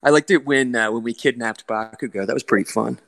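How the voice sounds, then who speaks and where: A man's voice: medium pitch, fairly quick, gravelly, a bit bright, poor audio. A man answering fan questions as a voice actor on a convention panel, joking and teasing the other guests. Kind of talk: casual panel Q&A.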